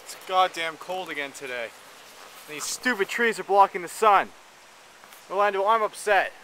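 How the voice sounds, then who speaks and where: Holding the camera at arm's length outdoors by a wooden deck and yard, a young house painter vlogs casually, rambling and joking along the way. His voice sits high, bright and forceful, with lively intonation at a moderate pace; slight background noise marks the rough recording.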